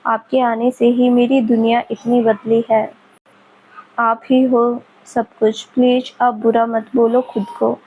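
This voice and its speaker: A tearful young woman begs forgiveness in soft, broken pleas, read by a woman storyteller. The voice sits fairly high and stays gentle and apologetic, like a girl close to sobbing in a storybook. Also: little pitch movement, takes it slowly, slight background noise, low-quality recording. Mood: pleading. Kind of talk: storybook dialogue reading.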